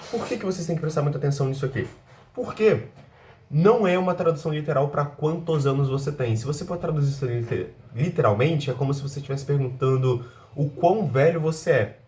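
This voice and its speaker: A native Portuguese-speaking man teaching English in a recorded lesson, explaining step by step, checking in often and reading English examples slowly. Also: fairly high pitch, darkish tone, a little hiss or hum.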